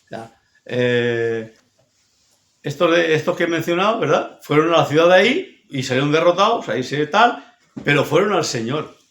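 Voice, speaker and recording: A man's voice: on the high side, a bit bright. A man from preaching a sermon, emphatic and repetitive, often checking in with his listeners. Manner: emphatic, repetitive, frequent tag questions. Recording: echoey church hall.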